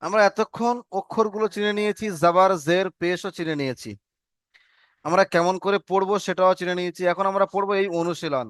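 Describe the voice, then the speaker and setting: High-voiced man drilling Arabic letters. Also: steady tone, clear, resonant tone, no echo. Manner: slow drilling spelling, call and response. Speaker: Quran reading teacher. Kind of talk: online Arabic reading lesson.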